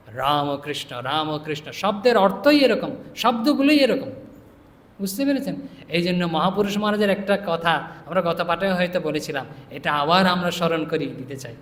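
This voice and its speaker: A middle-aged male monk giving a devotional sermon, explaining scripture word by word, chanting verses slowly and often asking listeners whether they understood. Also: fairly high pitch, fairly bright tone. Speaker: monk preacher. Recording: echoey hall reverb.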